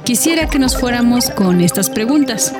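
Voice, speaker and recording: A woman's voice: on the high side, animated, moderate pace. Reflective woman hosting over music. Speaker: podcast host. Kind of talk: scripted podcast narration.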